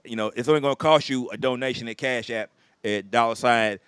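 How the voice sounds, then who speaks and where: A man hosts a relaxed conversation in an easygoing, affirming manner. His voice sits at an average pitch. The sound is dry, with no room echo. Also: fairly quick, smooth. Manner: easygoing, affirming with frequent yeahs. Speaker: host. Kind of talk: casual chat.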